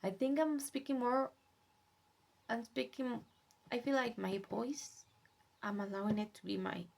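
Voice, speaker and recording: A young woman whose first language is Spanish, talking in a soft, gentle, reflective way in a casual self-care vlog, sometimes dropping to a whisper. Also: fairly high pitch, steady tone, measured pace, vocal fry. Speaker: vlogger.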